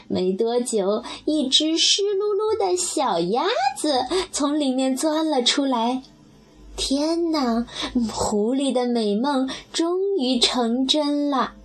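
A woman gently reading a children's story aloud and speaking to the child listener. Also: high voice.

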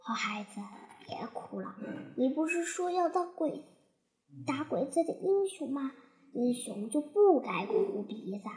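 A woman voicing a gentle old grandfather who speaks softly and low in a storybook reading. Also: sing-song, unhurried, reverberant. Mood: consoling. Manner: soft, low, consoling.

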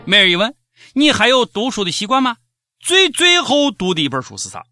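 A man's voice: sits high, huge pitch swings, fairly quick, loud music behind the voice. A man with a Shaanxi accent hosting scripted satirical news commentary in a mocking, sarcastic manner. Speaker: host of a comic news show.

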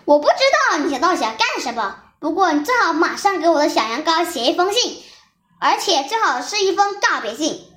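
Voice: extremely high pitch, lively intonation, a bit bright, reverberant. A child voicing a protective, angry mother sheep who scolds and demands answers. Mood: furious. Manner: scolding, fast and insistent.

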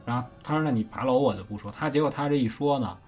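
A man's voice: mid-range voice, quick pace, darkish tone, husky, faint music behind. Chatty Beijing man telling ghost stories. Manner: chatty, swears casually, keeps checking with listener. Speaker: host. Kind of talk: casual storytelling of ghost tales.

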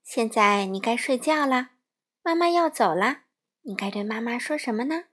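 A woman voicing a patient, gentle koala mother who corrects her child with slow, drawn-out words. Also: a little high, lively intonation. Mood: gentle correcting.

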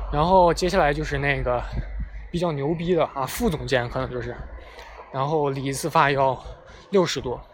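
A young man casually telling a funny story, chatty and self-mocking, talking outdoors near traffic. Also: on the high side. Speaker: vlogger. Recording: clear street and traffic noise behind. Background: passing vehicles.

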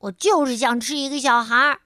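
A stubborn little boy crocodile from a storybook, whining and insisting in a high, lively voice, as a woman acts him out. The recording is dry and close. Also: unhurried, no room sound. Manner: whiny, insistent.

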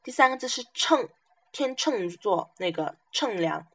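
A woman's voice: medium pitch, animated, a little slow, fairly bright tone, slightly rough. A woman teaching a pronunciation lesson, repeating each syllable and example word several times. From southern China. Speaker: language teacher.

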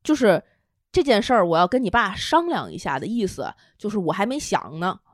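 A young woman, hosting a podcast and telling a personal story in an emotional, animated way. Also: medium pitch, a little fast, dry recording, studio quality. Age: young adult. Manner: emotional, animated retelling with quoted dialogue. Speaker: podcast host. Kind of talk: casual storytelling chat.

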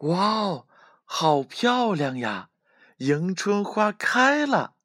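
A man voicing a cheerful, confident little bunny in a children's bedtime story, with high, excited, drawn-out exclamations. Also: no room sound, clean studio sound. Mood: delighted.

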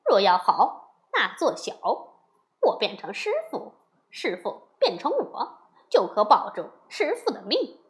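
A woman voicing a clever, bold monkey disciple in a storybook reading, brisk and confident. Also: mid-range voice, huge pitch swings. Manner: brisk, confident and quick-witted. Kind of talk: children's storybook voice acting.

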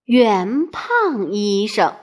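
A woman telling a children's storybook aloud, expressive and asking the listener playful questions. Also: medium pitch, drawn-out words.

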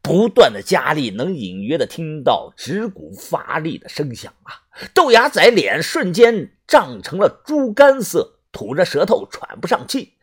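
An audiobook narrator reading a first-person adventure story. The delivery is animated, with very wide pitch swings, and the voice carries a slight husk. The pitch sits in the middle range. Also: measured pace, slightly rough.

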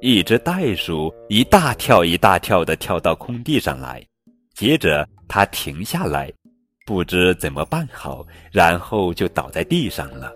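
Slow deep-voiced man reading a picture book. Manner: slow, lively storytelling. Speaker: storyteller. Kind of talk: picture-book read-aloud. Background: light background music.

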